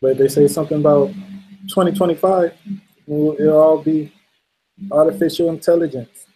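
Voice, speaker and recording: A man's voice: fairly high pitch, fairly even intonation, normal speed, warm tone, slightly rough, poor audio. A man hosting a casual late-night livestream, laid-back and laughing often as he reads out viewer comments. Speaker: livestream host.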